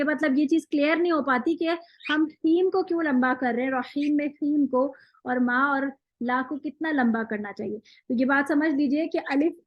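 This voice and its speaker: High-voiced woman teaching recitation. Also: no echo, lo-fi sound. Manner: patient, explains step by step with recited examples. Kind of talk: online class lecture.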